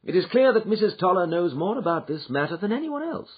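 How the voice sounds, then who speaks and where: Sherlock Holmes, brisk and commanding, read by a man. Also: high-pitched, very animated, slightly rough, pitched above the performer's own voice, heavily acted. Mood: probing. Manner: brisk, emphatic, eager. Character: keen, commanding male Victorian detective. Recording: dull lo-fi recording.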